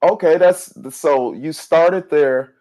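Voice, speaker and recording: A man in his forties hosting a podcast interview, easygoing and quick to laugh. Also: a little high, darkish tone. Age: 40s. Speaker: podcast host. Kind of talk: casual interview chat.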